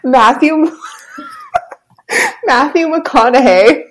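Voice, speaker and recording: A woman's voice: high-pitched, huge pitch swings, drawn-out words. A woman co-hosting a casual chat podcast, giggly and agreeable. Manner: giggly, agreeable, many "yeah"s. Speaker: podcast co-host.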